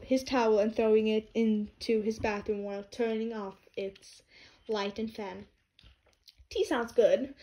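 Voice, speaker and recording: Young woman, kinda high voice, casually reading fanfic at home, stumbles and repeats stuff sometimes. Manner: relaxed, unpolished reading with self-corrections and repeated words. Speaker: podfic reader. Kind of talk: casual audiobook reading of fan fiction.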